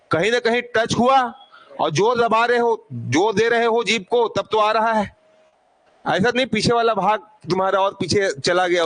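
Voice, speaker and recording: A man's voice: sits high, a bit bright, no room sound, rough recording. A male teacher giving a classroom lesson, quizzing his students over and over and prompting them to answer aloud.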